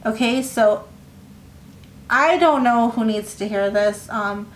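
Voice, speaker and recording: A fairly high-pitched woman talks through a tarot reading in a loose, meandering way, often stopping to restart a thought. The room around her rings with echo, and a faint ambient hum sits underneath. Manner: rambling, halting, lots of fillers and restarts. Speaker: tarot reader. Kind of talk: casual tarot reading to camera.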